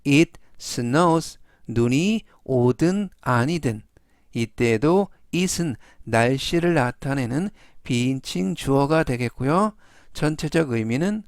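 A man teaching English vocabulary in formal polite speech, saying each word slowly several times and then explaining it step by step. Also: on the high side, no room sound, clean studio sound. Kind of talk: slow, deliberate vocabulary lesson.

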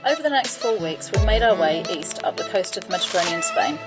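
A woman in her thirties with an English accent chats and narrates casually as a sailing vlogger aboard a small sailing boat outdoors, recorded on a handheld camera mic. Her voice is fairly low, her intonation lively, and she talks a little fast over loud background music.

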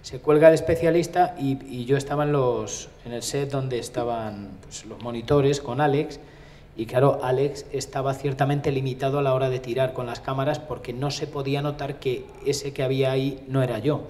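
A man from Spain with a Spanish accent, telling a lively anecdote on stage to a laughing audience and acting out the quotes loudly. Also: medium pitch, normal speed. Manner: animated storyteller, acts out quotes loudly, laughs often. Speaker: guest. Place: festival stage before an audience.

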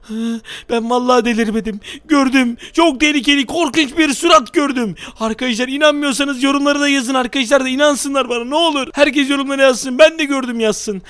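Frantic, very high-voiced YouTuber man. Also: brisk, few pauses. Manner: frantic, shouting in fright, addresses viewers directly. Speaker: gaming YouTuber, host. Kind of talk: excitable Minecraft let's-play role-play.

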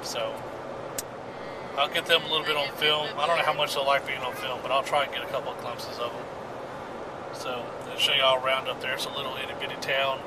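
A man's voice: mid-range voice, level tone, a little fast, heavy background noise. A man chatting casually and teasing his family while filming a home video on a handheld camcorder. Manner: joking, teasing, folksy. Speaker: vlog host. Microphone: handheld pocket camcorder.

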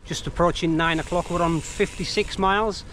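A man's voice: high-pitched, moderate pace. Middle-aged man narrating a bike trip. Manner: relaxed, many fillers. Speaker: bikepacking vlogger. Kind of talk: casual travel narration. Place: outdoors on canal towpath. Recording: faint outdoor background noise.

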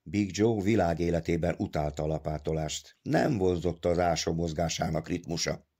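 A man narrating an audiobook in a measured storytelling manner. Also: low-pitched, warm tone, breathy edge. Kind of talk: scripted narration.

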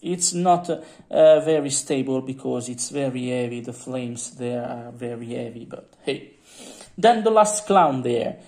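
Gender: man. Role: hobbyist vlogger. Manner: halting, filler-heavy, playful. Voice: gravelly, unhurried. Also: medium pitch, expressive, a little mellow. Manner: hesitant, halting, many fillers, playful asides. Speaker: hobbyist showing painted figurines. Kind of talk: casual show-and-tell vlog.

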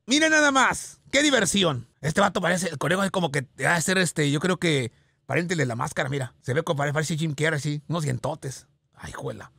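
A man's voice: on the high side, animated, a little fast, vocal fry, bright, forceful tone, breathy edge, full character voice. A man voicing a boastful self-proclaimed Spartan god, teasing and theatrical as he mocks a video. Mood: mocking. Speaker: radio show host character. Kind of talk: mocking video reaction commentary. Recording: noisy background hiss.

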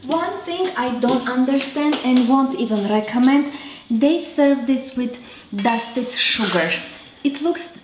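A woman in her thirties with an Armenian accent, hosting a casual cooking demonstration in chatty, self-correcting, halting English. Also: sits high, animated, background noise. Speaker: cooking show host. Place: roomy home kitchen, indoors. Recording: echoey kitchen with background music.

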